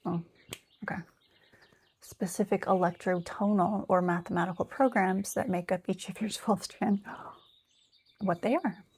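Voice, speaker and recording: A woman's voice: medium pitch, fairly even intonation, measured pace, pauses often, darkish tone, slightly rough. A woman talking casually and candidly, reading from her notes and thinking aloud, with lots of fillers and some swearing. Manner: candid, rambling, swears freely.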